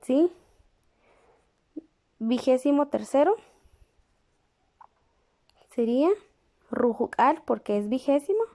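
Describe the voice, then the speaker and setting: A woman teaches with a high, mellow voice and an unhurried pace. She repeats each word carefully and keeps stopping to check that her students are following. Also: animated. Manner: patient, repeats each word slowly for copying; checks in with the class through questions. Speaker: language teacher. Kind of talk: slow classroom lesson, writing while explaining.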